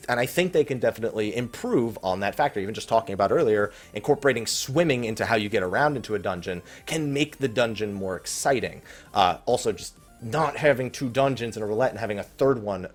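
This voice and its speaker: Hosting a gaming Q&A show, a man in a mid-range voice reads out questions from viewers and answers in a rambling, conversational, off-the-cuff manner. Faint music plays underneath.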